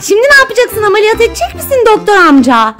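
Young mother, very high and swooping voice, playful and coaxing, background music. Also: big pitch swings, quick pace, a bit bright. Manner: playful, coaxing and narrating a pretend doctor game. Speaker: mother playing with her children. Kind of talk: casual family play. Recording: music playing under the voice.

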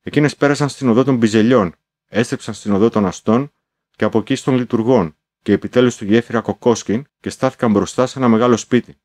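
A man's voice: medium pitch, a little mellow, no echo, clean studio sound. A man reading a novel aloud as a first-person diary, in a confiding, musing manner with exclamatory asides. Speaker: audiobook narrator.

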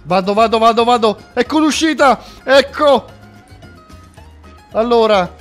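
A man giving excited gameplay commentary, yelping and laughing as he plays. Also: extremely high pitch, measured pace, faint music behind. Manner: excitable, yelps and laughs often. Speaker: gaming video host.

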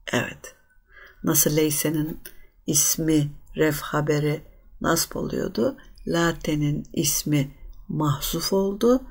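A woman's voice: sits low, darkish tone, slightly rough. A woman teaching an Arabic grammar lesson, explaining patiently and often addressing her students directly.

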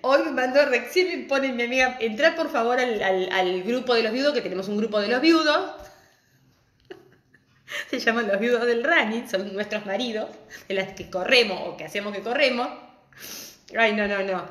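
A woman's voice: fairly high pitch, moderate pace, a bit bright. A middle-aged woman with an Argentine accent, chatting affectionately and laughing often as she greets viewers of her live crafts class from home. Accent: Argentine Spanish. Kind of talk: casual live-stream chat. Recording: echoey room.

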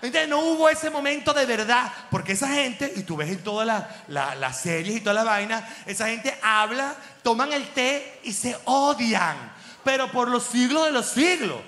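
A man delivering an animated, slangy comic monologue as host, mocking and laughing through his jokes. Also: very high-pitched, moderate pace. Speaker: comedian host. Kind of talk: stand-up style comic monologue. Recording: echoey room with long reverb.

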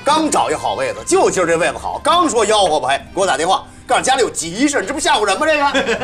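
A hearty, talkative middle-aged man from a TV drama, teasing. His pitch swings widely and sits a little high, with soft music behind him. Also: wildly swooping pitch, fast, heavily acted. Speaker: master craftsman celebrating his birthday. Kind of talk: television drama acting.

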